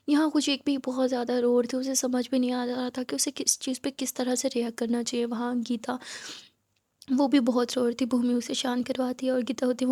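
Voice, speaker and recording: A woman's voice: high-pitched, mellow, dry recording, studio quality. A woman casually retelling a romance story aloud, quoting each character's lines in her own voice.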